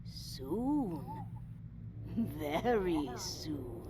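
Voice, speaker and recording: An old woman fortune teller from a game, speaks her prophecies extremely slowly. Her pitch swoops theatrically and mysteriously over heavy background noise. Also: big pitch swings, heavily acted. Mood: ominous, knowing. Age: older. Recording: loud noisy ambience under the voice.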